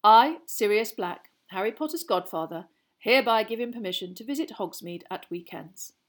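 In this storybook reading, a woman voices Sirius, the fugitive godfather, reading his caring letter earnestly and slightly raised. Her pitch is medium and expressive, her pace moderate, close to how she'd normally talk.

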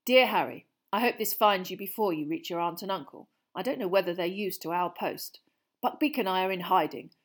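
A woman with a voice on the low side reads aloud, a little fast and with lively intonation, from a caring letter written by Sirius, a fugitive godfather. Her storybook delivery is earnest and a little raised.

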